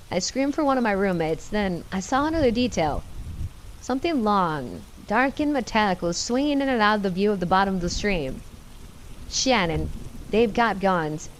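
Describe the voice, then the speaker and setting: A woman's voice: medium pitch, a little hiss or hum. A woman giving tense, first-person scripted horror story narration.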